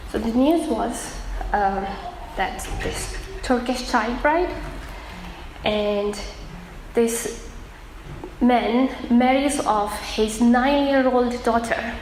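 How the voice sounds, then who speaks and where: A woman from Afghanistan giving an earnest personal testimony, pausing often with fillers. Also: medium pitch. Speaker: testimony speaker. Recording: echoey room with faint noise.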